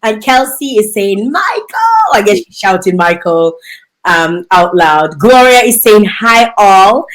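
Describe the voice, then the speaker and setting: A woman from Dominica with a Dominican accent hosts a live interview, giggling and reading viewer comments aloud. Her mid-range voice is very animated yet slow-paced.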